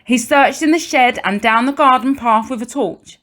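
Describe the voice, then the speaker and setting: In a high, somewhat bright voice, a woman reads a children's storybook aloud the way a primary teacher would. She's expressive, using deliberate pauses and emphasis for young listeners.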